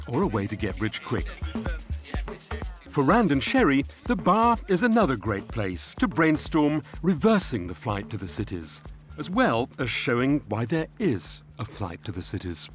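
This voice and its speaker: A man giving measured, scripted documentary narration. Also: medium pitch.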